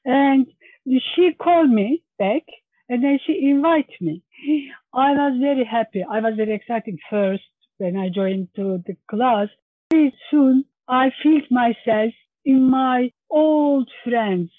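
Over a thin, phone-like line with a dry sound, a Turkish woman with a high voice speaks slowly. She's being interviewed as an English learner, and her accented phrasing is careful and non-native.

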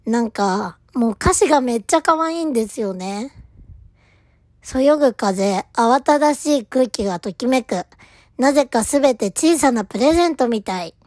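Woman fan vlogger, rambling and gushing, slightly high voice, dry and close. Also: lively intonation, moderate pace, a little mellow, dry recording. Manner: gushing, rambling, drops to near-whisper at times. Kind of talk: casual solo talk to camera.

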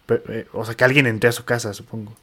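Man, Mexican accent, casual chat, reads aloud in fits and starts, mid-pitched voice. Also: fast. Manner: relaxed, slangy, reads with restarts. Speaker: co-host reading posts aloud.

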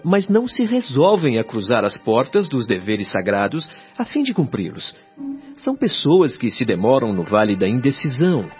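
In a radio drama, an actor with a Brazilian accent plays Lísias, a patient, earnest and learned male spirit guide who teaches in a solemn, articulate, formal way. His mid-range voice is close to an everyday voice. The lo-fi recording sounds dull, with faint music behind.

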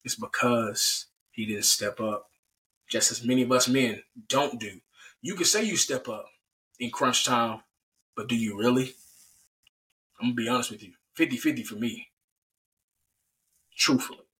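A man hosting a podcast, talking casually about a Bible story, animated and restarting his words often. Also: medium pitch, measured pace, long pauses, far from the mic, low-quality recording. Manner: animated, with frequent restarts and repeats. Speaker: podcast host.

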